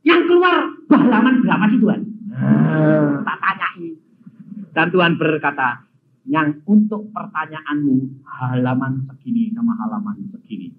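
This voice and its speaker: A male preacher, delivering a dramatic sermon that swings between shouting and hushed tones. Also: on the high side, animated, unhurried. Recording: dull lo-fi with faint ambience.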